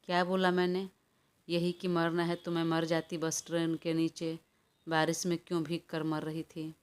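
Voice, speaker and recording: A woman's voice: sits low, completely flat delivery, moderate pace, clean tone, lightly acted. A woman voicing a tired, irritated young man who pleads to be left alone, in a storybook reading. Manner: weary, pleading.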